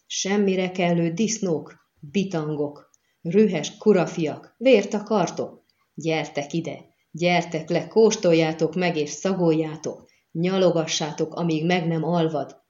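A fierce young swordswoman, cold and bitter in her contempt, voiced by a woman narrator. Her voice sits low, and the audiobook recording sounds muffled and lo-fi. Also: dark tone, lightly acted. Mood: furious.

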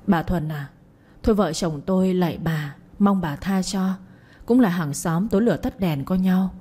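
A woman does an older father crushed by shame, speaking in a lowered, darker voice. His tone is husky and weighty. It is a spoken story told by a single reader. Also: normal speed, dark tone. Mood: pleading. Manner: begging neighbor, then bellowing at daughter. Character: ashamed older father, pleading then raging.

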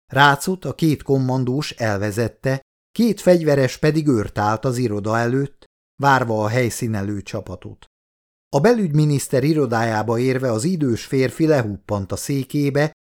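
A male audiobook narrator reading a thriller in an even, steady manner. His voice sits at an ordinary middle pitch. The delivery is scripted and clear.

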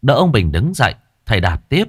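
Man, ghost story narration, dramatic, lively pitch, dry recording. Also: a little fast, husky, no room sound.

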